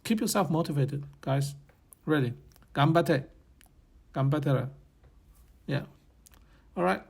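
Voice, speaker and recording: A man's voice: a little high, takes it slowly, vocal fry, husky. A man hosting his own channel, giving casual advice in a rambling way, chuckling now and then, with loose phrasing. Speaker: channel host.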